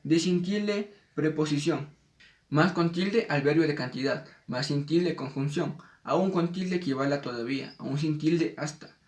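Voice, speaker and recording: A man's voice: on the high side, measured pace, distant mic. Man reading a spelling lesson, echoey. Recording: echoey room, voice off-mic.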